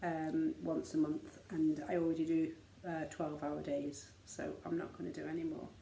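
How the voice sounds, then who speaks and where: A woman's voice: sits low, little pitch movement, moderate pace, gravelly, warm tone, roomy sound, a little hiss or hum. A middle-aged woman, a mother chatting casually in an easygoing, rambling way as co-host. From Liverpool, England. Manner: rambling, easygoing, filler-heavy. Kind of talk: casual chat.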